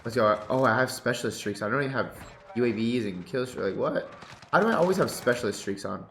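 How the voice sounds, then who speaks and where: A young man, a competitive gaming YouTuber, talks fast in a congested mid-range voice while casually covering his game settings and commentating gameplay. He records at his home gaming setup on a headset with a boom mic, staying laid-back except for excited bursts. The recording is reverberant, with a little hiss or hum.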